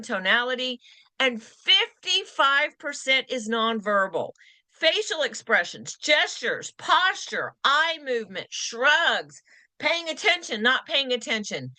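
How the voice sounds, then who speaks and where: Lively bright-voiced woman teaching agents. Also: sits high, slow, no room sound. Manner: lively, acts out quoted lines in varied voices. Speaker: real estate trainer. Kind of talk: continuing education class talk.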